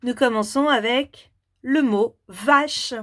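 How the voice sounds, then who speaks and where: A woman teacher giving a children's reading lesson, talking slowly and deliberately and repeating syllables clearly. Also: a little high, a bit bright.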